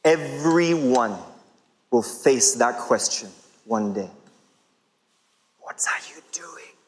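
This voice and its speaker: A man in his thirties preaching a sermon to a large congregation, emphatic and full of rhetorical questions with drawn-out pauses. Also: medium pitch, expressive. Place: large church hall with congregation. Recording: long reverb of a big hall.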